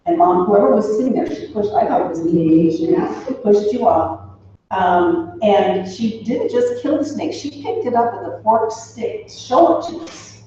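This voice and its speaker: This woman in her sixties speaks at her parent's funeral in a warm, expressive, medium-pitched voice at moderate speed. Her eulogy is casual and meandering, full of anecdotes and asides that trail off. Because she's away from the microphone in an echoey room, the audio is roomy, muffled, and slightly noisy.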